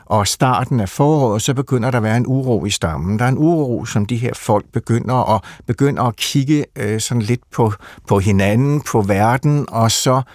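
A man with a medium-pitched, slightly mellow voice, recorded in studio quality with no echo, speaks with few pauses. He is a literature expert guest explaining a literary subject in conversation, thoughtful and hesitant, with many fillers and restarts.

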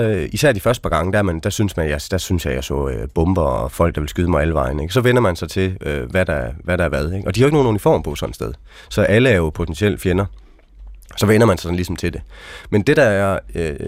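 A man with a very deep, low voice tells his experiences as an interview guest. He talks frankly and casually, often ending sentences with questioning asides. The sound is dry and close. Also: a little mellow, no echo. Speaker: interview guest, army veteran. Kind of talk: casual storytelling.

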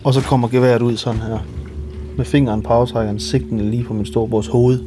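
A Danish man giving documentary testimony in a measured, detailed way. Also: medium pitch, flat delivery, over music. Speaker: interviewee recounting family events.

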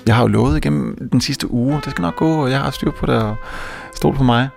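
A young man from Denmark telling a comic story on stage, animated and self-mocking, often stammering and restarting. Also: medium pitch, creaky, soft background music. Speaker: stand-up comedian. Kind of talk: stand-up storytelling.

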